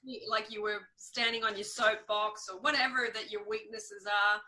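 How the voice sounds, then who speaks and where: A woman's voice: mid-range voice, flat delivery, moderate pace, pushed and bright, low-quality recording. A woman hosting a casual interview, encouraging her guest and agreeing often. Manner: encouraging, frequent "yeah" agreement. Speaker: interview host.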